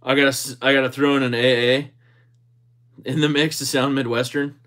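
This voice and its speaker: A man's voice: medium pitch, level tone, normal speed, a bit bright. A man hosting a livestream, casually reading and answering viewer comments in a jokey, easygoing way. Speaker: livestream host.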